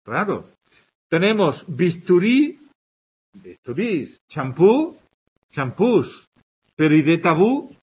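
A man's voice: fairly high pitch, very animated, slow, pauses often, a little mellow, husky, highs cut off. A man from Spain teaching a grammar lesson to a class, giving examples one after another and checking in with his students as he goes. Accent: Spanish from Spain. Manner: explains with examples, checks in with "¿de acuerdo?". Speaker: Spanish teacher.

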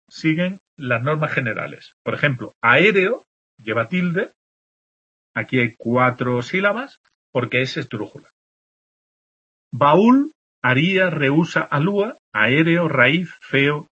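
A male teacher from explains the rules for written marks, saying example words slowly and checking in with the class again and again. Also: a little high, bright, forceful tone, breathy edge. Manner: explains patiently, checks in with constant "¿de acuerdo?". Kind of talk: spelling lesson explaining accent marks. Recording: dull lo-fi recording.

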